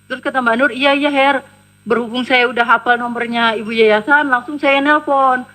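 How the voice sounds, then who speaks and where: A woman's voice: a little high, steady tone, a little fast, pushed and bright, poor audio. A woman giving personal testimony, retelling events step by step and closing her quotes with the same tag. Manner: plain step-by-step storytelling, often tags quotes with "kata dia gitu". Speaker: interview guest recounting her case. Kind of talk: personal testimony retold in detail.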